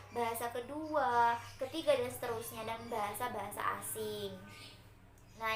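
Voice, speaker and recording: A young woman from Central Java, Indonesia, presents to her university classmates, walking them through things step by step and hesitating often with fillers. Her voice is high-pitched, pushed and bright. The sound is roomy, with a little hiss or hum.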